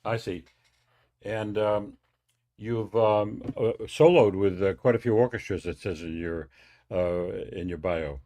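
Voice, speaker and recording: A man's voice: fairly low pitch, measured pace, warm tone. A man hosting a radio interview, speaking with many hesitations and restarts. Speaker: radio host.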